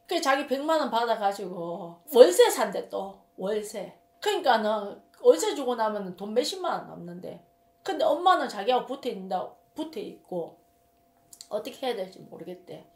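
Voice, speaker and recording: A woman's voice: fairly high pitch, a little mellow. Echoey Gyeongsang-accented woman storyteller. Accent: Gyeongsang Korean. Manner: emphatic, rambling, repeats words. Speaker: shaman. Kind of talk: casual storytelling monologue. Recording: roomy echo.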